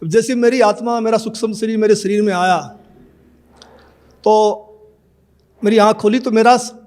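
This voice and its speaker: Speaking in a high-pitched, slightly mellow voice at normal speed, a man in his fifties shares an earnest personal testimony in an interview. His delivery is flat as he recounts his story and acts out conversations he remembers.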